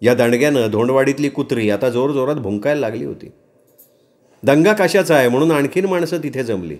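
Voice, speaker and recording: A man's voice: medium pitch, a little fast, a little mellow. A man storyteller narrating a dramatic rural novel with vivid delivery. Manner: vivid narration with acted voices.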